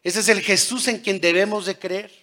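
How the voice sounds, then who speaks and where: A man in his thirties delivers a sermon in a high, bright voice. He jumps from loud, stretched calls to hushed asides and keeps putting questions to his listeners. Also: steady tone, moderate pace. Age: 30s. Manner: dramatic swings between loud calls and hushed lines; asks the congregation questions. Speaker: preacher.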